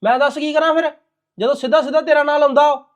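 A man's voice: extremely high pitch, fairly even intonation. An actor playing a stern young husband who scolds his new wife. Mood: scolding. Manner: scolding, rapid, reproachful. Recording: dull lo-fi sound with music behind.

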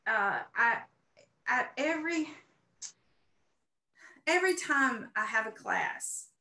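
A middle-aged painter and art teacher speaks as a guest on a video call from an indoor room at home, giving earnest, effusive personal testimony and often repeating phrases for emphasis. Her voice sits high, pushed and bright with lively intonation at a slow pace, and the call sounds roomy and echoey.

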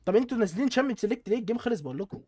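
A man's voice: extremely high pitch, animated, darkish tone, husky, dry recording. A man with an Egyptian Arabic accent, bragging and trash-talking his friends over voice chat while gaming. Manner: cocky, rapid-fire trash talk with lots of repeating. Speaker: gaming streamer.

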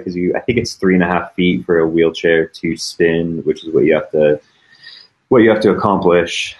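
A man who builds tiny houses, answering questions in a relaxed live Q&A, with lots of fillers. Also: low voice, highs cut off. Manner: casual, filler-heavy. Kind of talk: live Q&A chat.

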